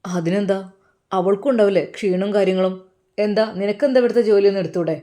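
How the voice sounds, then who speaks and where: A woman's voice: medium pitch, fairly even intonation, fast talker, dark tone, pitched below the performer's own voice, natural voice. A woman voicing a fair-minded young husband who questions sternly.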